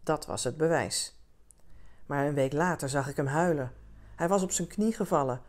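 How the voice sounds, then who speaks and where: Een vrouw die een verhaal voor volwassenen rustig en zacht voorleest als bedverhaal. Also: female voice, deep voice. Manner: gentle, unhurried storytelling. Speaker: reader of stories for adults. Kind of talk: calm bedtime reading.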